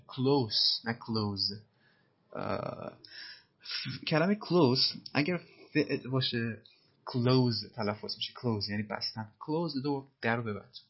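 A low, husky-voiced man patiently explains English film phrases, saying each line slowly and then translating it. The recording sounds dull and lo-fi. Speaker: English teacher.

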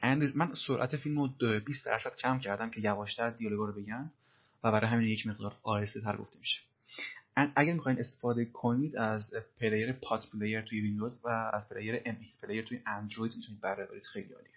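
A man teaching English, who slowly repeats phrases from film dialogue and then explains them. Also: fairly low pitch, steady tone, dull audio.

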